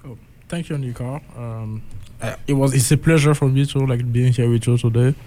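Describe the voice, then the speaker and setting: A man's voice: medium pitch, fairly even intonation, moderate pace, mellow. A young man with a Togolese accent, talking casually as a guest in a radio interview. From Togo and Gabon. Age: young adult. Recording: faint background noise.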